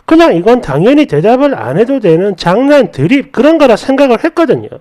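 Man, story narrator, high voice, lively pitch, exasperated scripted retelling. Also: fairly quick.

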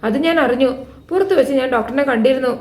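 A woman's voice: high voice, animated, fast, darkish tone. A woman voicing a doting middle-aged mother who frets over her injured son, read out plainly in a storytelling recap. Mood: fretful. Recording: echoey room.

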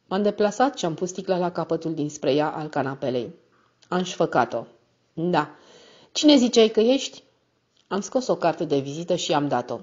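Woman, audiobook narrator, low voice, measured reading, slightly muffled recording. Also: darkish tone. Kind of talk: scripted first-person novel narration.

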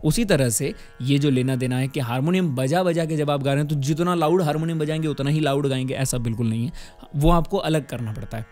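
Guy teaching singing, kinda high voice, talks close to the mic, keeps asking "right?", harmonium humming underneath. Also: warm tone. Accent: Hindustani. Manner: explains patiently, often checks with "है ना?". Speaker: music teacher. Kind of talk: spoken music lesson with sung demonstrations. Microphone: close studio microphone. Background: harmonium playing.

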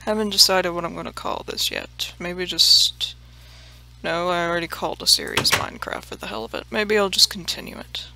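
A woman's voice: fairly low pitch, very animated, normal speed, creaky, bright, forceful tone, slight background noise. A woman hosting a let's play, chatting casually and mocking herself, swearing freely and dropping into murmured half-whispered asides. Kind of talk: casual gameplay commentary.

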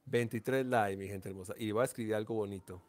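A man's voice: lowish voice, fairly even intonation, quick pace, a little mellow. Chatty man coaxing live-stream viewers. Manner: affectionate, repetitive, coaxing viewers to like. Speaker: livestream host. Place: seated indoors.

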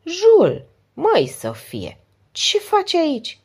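A woman voicing a loud, effusive familiar man. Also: on the low side, huge pitch swings, breathy edge, exaggerated voice. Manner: exclaiming, effusive. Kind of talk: audiobook character voice.

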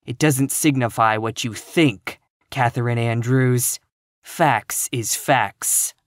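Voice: medium pitch, a little slow, dry recording, clean studio sound, natural voice. A narrator voicing a grim, sour, scornful spinster in her fifties from a storybook, full of gloom and contempt. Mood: contemptuous, sour. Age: 50s. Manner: grim, scornful, flat pronouncements.

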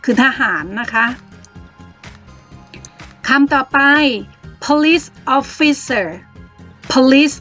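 A woman teaching English to children with a Thai accent, slowly sounding out words syllable by syllable in an encouraging way. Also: sits high, soft background music.

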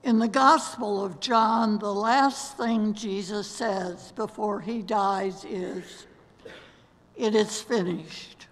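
Speaking slowly in a steady mid-range voice, an older woman leads worship with a solemn, scripted meditation and prayer at a lectern. She is seated among a robed choir in a large sanctuary, and the church's long reverb trails her words.

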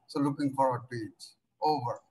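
A middle-aged man from Bangladesh introducing himself as a panelist on a video call, halting and repeating words. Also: mid-range voice, darkish tone, slight background noise, low-quality recording. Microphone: webcam video call.

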